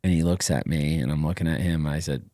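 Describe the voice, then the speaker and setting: A middle-aged man talks as a guest on a podcast, spilling out a long story in an energetic, rambling way full of fillers. His voice sits very low. The sound is close and dry, like a studio mic with no room around it. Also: fast talker, no room sound. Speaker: podcast guest, former Navy SEAL. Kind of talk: casual interview storytelling.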